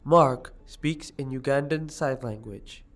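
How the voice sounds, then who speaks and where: A man's voice: mid-range voice, slow pace, faint music behind. A man reading audio description in a neutral, plain way.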